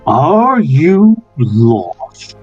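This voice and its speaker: A man voicing an eerie servant of a haunted house in a tabletop game, in a low gravelly growl, very slowly and menacingly. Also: sing-song, darkish tone, highs cut off, faint music behind, heavily acted. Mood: ominous, slow. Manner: very slow, drawn-out, menacing delivery.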